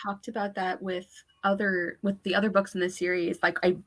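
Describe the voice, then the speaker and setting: A woman co-hosts a book discussion show, talking informally and with animation at a fairly quick pace and medium pitch. She frequently acts out quotes, voicing characters and thoughts as she goes.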